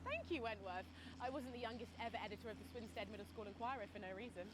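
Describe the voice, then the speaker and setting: An actress playing an earnest, self-important British television field reporter. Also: female voice, on the high side, animated, fast talker, natural voice. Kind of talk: comedy news reporting. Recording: very noisy outdoor report.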